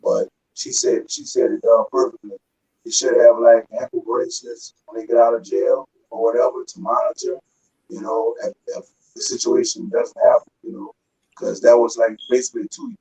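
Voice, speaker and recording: A man's voice: medium pitch, huge pitch swings, normal speed, dark tone, husky. A man talking casually on a video call, his voice muffled as if through a wall and breaking up in places. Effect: muffled, as if heard through a wall. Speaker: guest on a call. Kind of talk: casual conversation. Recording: muffled call audio with dropouts.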